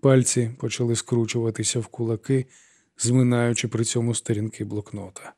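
Чоловік читає аудіокнигу м'яким темним голосом. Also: male voice, medium pitch, little pitch movement, moderate pace, mellow, no room sound, clean studio sound. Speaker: narrator. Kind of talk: audiobook narration.

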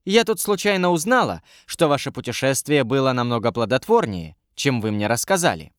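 A man's voice: mid-range voice, sing-song, a little fast, fairly bright tone, clear, resonant tone, dry recording, clean studio sound. A man reading an audiobook, voicing a curious, commanding young queen with a lightly raised voice. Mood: teasing.

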